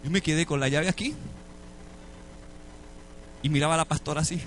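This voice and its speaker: Puerto Rican pastor telling a dramatic testimony. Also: male voice, fairly high pitch, fairly quick, a bit bright, soft background music. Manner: dramatic storytelling, acting out dialogue with God and his wife. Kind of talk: sermon testimony.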